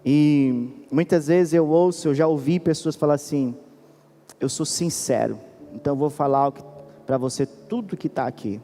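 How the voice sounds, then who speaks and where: A man with a Brazilian Portuguese accent preaching a sermon as pastor, earnest and pleading, moving between quiet and insistent. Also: a little high, normal speed, in a large hall, faint music behind. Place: church hall.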